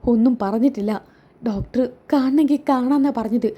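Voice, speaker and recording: A woman voicing an anxious young man who gives urgent, brisk instructions. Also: a little high, husky, lo-fi sound.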